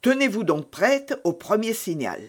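A man's voice: high voice, sing-song, a little slow, pitched above the performer's own voice, exaggerated voice. A man reading aloud, voicing an earnest young man urging a prisoner to escape. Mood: urgent. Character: earnest young man, urgent rescuer, devout.

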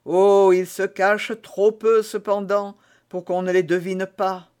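A man's voice: high-pitched, little pitch movement, slow pace, darkish tone, smooth. A man reading an audiobook voices a desperate, scheming woman prisoner who pleads and prays in a tearful, theatrical way. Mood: pleading, indignant.

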